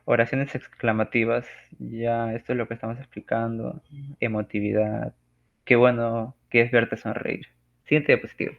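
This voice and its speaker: A man's voice: medium pitch, flat delivery, moderate pace, gravelly. A young man with a Peruvian Spanish accent, presenting a class topic over slides in a casual, joking way and acting out sound examples. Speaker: student presenter. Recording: phone-like lo-fi audio.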